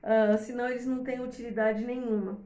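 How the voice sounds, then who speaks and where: A woman's voice: a little high, flat delivery, brisk, mellow. A middle-aged woman giving an informal online lecture as a parenting mentor, talking conversationally and tagging her sentences with "né?". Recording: roomy echo.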